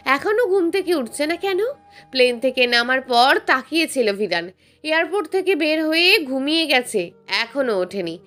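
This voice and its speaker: A woman with a high, light voice narrates a written story at an even, measured pace. Soft music plays quietly underneath her reading. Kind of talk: scripted narration.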